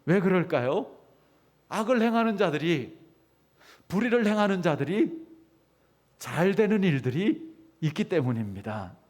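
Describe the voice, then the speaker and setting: A man's voice: high voice, big pitch swings, a little slow, long pauses, darkish tone. A man preaching as pastor to his congregation, asking them questions and acting out short quoted voices. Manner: teaching with call-and-response questions to the congregation; acts out quoted voices with rising emphasis. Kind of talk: sermon.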